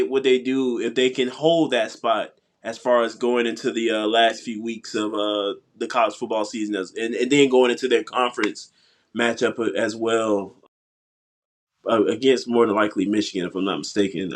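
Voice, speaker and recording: A man's voice: lowish voice, fairly even intonation. Congested man co-hosting a sports podcast. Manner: halting, many uhs and ums. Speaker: podcast co-host. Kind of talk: casual sports chat.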